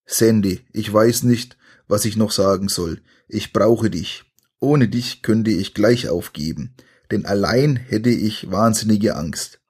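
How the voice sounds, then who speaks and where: A man playing a young boy hero, husky. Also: lowish voice, takes it slowly. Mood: reassuring. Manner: frightened cries turning to steady reassurance.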